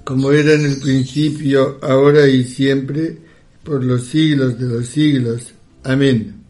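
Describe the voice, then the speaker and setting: A man leading a liturgical prayer in a solemn, measured recitation. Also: mid-range voice, level tone, darkish tone.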